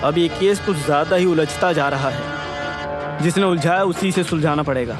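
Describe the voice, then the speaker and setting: A man dubbing a sharp-tongued, fearless police officer who talks in a sarcastic, taunting and commanding way, in a Hindi film dub. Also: fairly high pitch, moderate pace, over music, close to an everyday voice. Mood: thoughtful. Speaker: police investigator.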